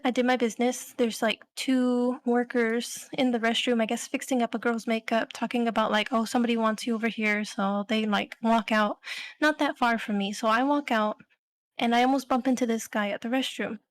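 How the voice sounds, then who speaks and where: A woman's voice: fairly high pitch, no echo. Chatty young woman telling a story. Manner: rambling, filler-heavy storytelling with "like" and "um". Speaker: podcast co-host. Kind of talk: casual storytelling chat.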